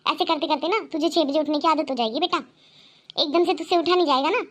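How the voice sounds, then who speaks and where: A woman doing a firm middle-aged cartoon mother, lecturing, scolding, high pitch. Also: quick pace, a bit bright. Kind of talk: cartoon voice acting.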